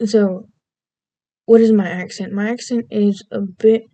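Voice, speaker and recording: A woman's voice: mid-range voice, steady tone, measured pace, dark tone, highs cut off. A woman vlogger with an American accent and a slight Southern lilt, rambling casually and goofily from topic to topic, often losing her thread. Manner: meandering, self-interrupting, goofy.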